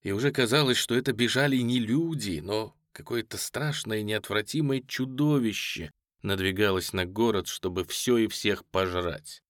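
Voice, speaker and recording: A man reading a novel aloud in a measured, solemn manner, close to the mic. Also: on the low side, dry recording. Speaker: audiobook narrator. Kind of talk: scripted literary narration.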